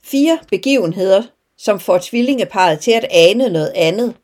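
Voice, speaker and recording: Mellow woman reading an audiobook. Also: mid-range voice, animated. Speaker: audiobook reader. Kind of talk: audiobook narration.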